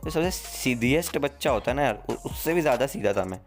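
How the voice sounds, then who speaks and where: A man's voice: medium pitch, animated, brisk, faint music behind. A man casually telling a story from his school days to his channel's viewers, chatty and mixing in slang and English words. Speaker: vlogger.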